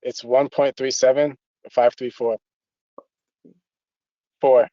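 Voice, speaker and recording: Call-in member, male, slangy, monotone, dry lo-fi line. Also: medium pitch, slow, no echo. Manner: casual, slangy. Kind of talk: casual chat.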